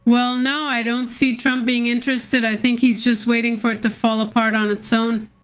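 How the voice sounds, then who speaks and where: A woman co-hosting a casual live stream. Her voice is smooth and clear, a little high, and she keeps it fairly flat as she retells sketches and greets viewers. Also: moderate pace, soft background music. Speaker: co-host of a live news stream.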